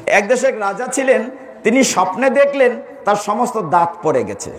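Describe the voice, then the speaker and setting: Lively high-voiced preacher. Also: male voice, moderate pace. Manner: storytelling, asks the listeners questions and acts out quoted lines. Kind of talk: devotional sermon to a gathering.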